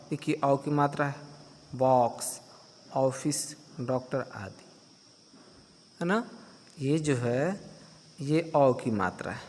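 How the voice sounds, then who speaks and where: A male teacher giving a grammar lesson to children, patiently asking questions and answering them himself. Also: a little high. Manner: slow, patient explaining. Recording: long hall reverb.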